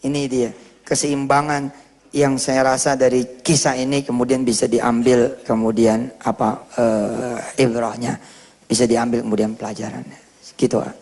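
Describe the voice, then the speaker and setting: Man, storytelling sermon, acts out the dialogue, gravelly voice, long hall echo. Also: mid-range voice, darkish tone. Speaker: preacher. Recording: echoey hall with long reverb.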